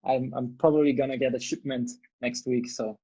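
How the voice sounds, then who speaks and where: A man's voice: mid-range voice, little pitch movement, brisk, mellow, slightly rough, low-quality recording. A man from Austria, hosting a casual video chat in an easygoing, agreeable way. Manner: easygoing, agreeable, many short yeahs. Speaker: host. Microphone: video call mic.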